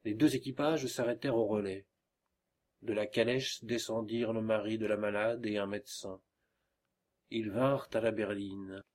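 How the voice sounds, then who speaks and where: A man's voice: fairly low pitch, steady tone, moderate pace, darkish tone. A man reading a classic novella aloud as an audiobook, voicing the characters lightly in his own voice. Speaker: audiobook reader. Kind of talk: scripted narration of a classic novella.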